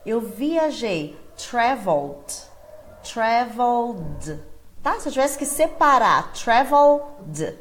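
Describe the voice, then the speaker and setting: A woman from Brazil teaching a live online English pronunciation lesson, animated and constantly checking in with her viewers, slowing down to say English words carefully. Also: on the high side, slight background noise.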